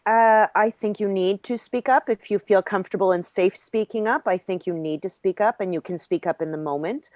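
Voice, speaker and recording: A woman's voice: mid-range voice, fairly quick, hardly any pauses, a little mellow, no echo. A woman answers a question on an online panel, direct and firm. Her voice is recorded very dry and close.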